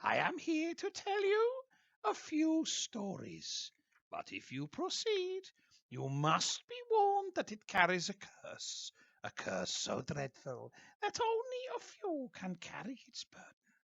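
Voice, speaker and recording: A woman voicing the ghost of an old witch burnt at the stake, eerie and gloating, with a creaky cackle. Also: wildly swooping pitch, no room sound, heavily acted. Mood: ominous. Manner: slow, theatrical swoops between high and low. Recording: dull muffled recording.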